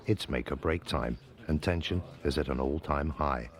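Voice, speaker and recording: A solemn documentary narrator with an extremely deep voice. He reads in a measured, deadpan way. The narration is scripted, as in a mock documentary.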